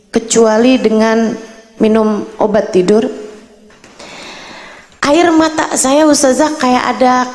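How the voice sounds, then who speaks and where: A woman's voice: fairly high pitch, a little mellow, big-room sound. A woman preacher telling a story in a sermon and quoting the people in it with feeling. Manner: emotional retelling, quoting others' words. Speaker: Islamic preacher.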